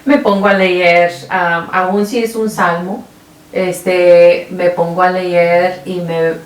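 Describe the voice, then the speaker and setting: A woman's voice: lowish voice, slow, distant mic. Woman co-host, personal faith testimony, a bit off mic in an echoey room. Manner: soft listener, answers with steady "ujú". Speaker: podcast co-host.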